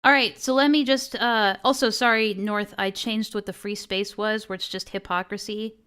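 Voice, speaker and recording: A woman's voice: medium pitch, fairly even intonation, normal speed, fairly bright tone, clean tone. A woman with a youthful, girlish voice hosting a casual livestream, chatting and swearing freely with friends. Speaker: livestream host.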